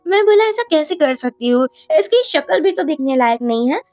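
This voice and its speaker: A woman voicing a scheming young wife who is sharp-tongued and scolding. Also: sits high, expressive, normal speed, no room sound, faint music behind. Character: scheming young wife chasing divorce and money.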